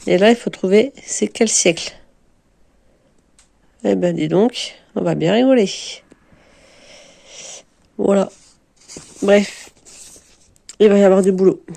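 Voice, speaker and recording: A woman's voice: medium pitch, warm tone. A woman in her forties from France, chatting casually to camera in a rambling, self-mocking way with many hesitations. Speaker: book vlogger.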